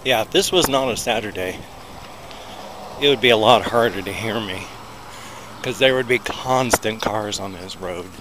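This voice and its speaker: In a voice on the low side, delivered at normal speed with long pauses, a middle-aged American vlogger narrates a walk through a small town along a busy road. He's chatty and rambling and likes to make fun of himself. The handheld recorder near his mouth picks up loud passing traffic as well.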